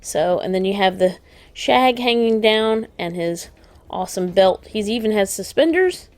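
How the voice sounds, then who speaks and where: A mid-range voice with lively intonation and an unhurried pace belongs to this toy unboxing co-host. She chats enthusiastically, pointing out details in a casual show-and-tell, over faint background noise.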